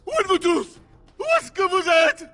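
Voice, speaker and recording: A man's voice: extremely high pitch, flat delivery, moderate pace, sharp tone, soft background music, exaggerated voice. A man voicing a melodramatic older sibling in a dubbed cartoon, wailing and theatrical. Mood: frantic.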